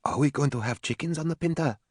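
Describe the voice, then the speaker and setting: A male narrator voicing a soft-spoken, wistful wife, pitched higher and quieter than his narration. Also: fast, slightly rough, dry recording, clean studio sound.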